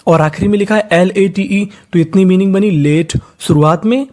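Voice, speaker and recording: A teacher giving a spelling lesson who spells each word letter by letter, blends it slowly, and asks and answers their own questions. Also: mid-range voice, darkish tone. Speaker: English teacher. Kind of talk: spelling lesson, sounding out words.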